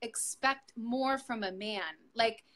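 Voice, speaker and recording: A middle-aged woman, a yoga teacher, takes it slowly as she tells her coach her story in a heartfelt testimonial interview. Her voice is on the high side and fairly bright, earnest and reflective, with frequent fillers and restarts.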